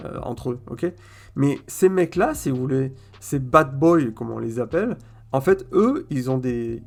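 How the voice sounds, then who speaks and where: A man talks to his viewers in a casual opinion monologue, his voice gravelly and mid-pitched. He speaks in loose slang, restarting words and dropping frequent fillers as he goes, and keeps checking in with his listeners. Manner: colloquial, repeats words and fills with "euh" often; addresses viewers directly, "si vous voulez", "ok?". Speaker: vlogger.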